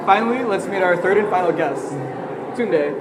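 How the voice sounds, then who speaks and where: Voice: medium pitch, animated, normal speed, loud music behind the voice. The host of a live comedy sketch, with upbeat, scripted patter. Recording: noisy live stage.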